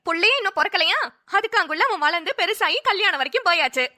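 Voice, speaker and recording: A woman's voice: extremely high pitch, lively intonation, fast talker, exaggerated voice. A nagging old village mother, voiced by a woman. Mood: scolding. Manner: loud, nagging, dramatic. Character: scolding elderly village mother, blunt and caring. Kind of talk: cartoon voice acting.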